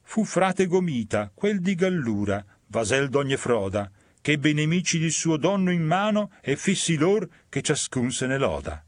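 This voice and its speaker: A man's voice: on the high side, sing-song, measured pace, hardly any pauses, no echo, clean studio sound, voice pushed up. A man voicing a crafty, frightened male sinner in a dramatic verse reading, with a raised, eager and tense delivery. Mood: eager, scheming.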